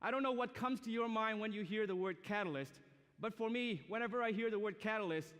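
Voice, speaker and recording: Speaking quickly in a high, slightly bright, clean-toned voice, a young man from Myanmar delivers a sermon as a student speaker. He addresses a student audience in a chatty, direct way and asks them questions, with the long reverb of a large church or university auditorium audible throughout.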